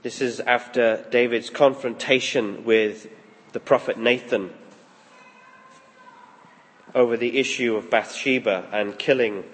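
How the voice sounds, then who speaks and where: Soft-spoken pastor praying in a reverberant hall. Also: male voice, medium pitch, fairly even intonation. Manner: slow, soft prayer with long pauses; reads scripture aloud with rising emphasis. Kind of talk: prayerful sermon. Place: church service.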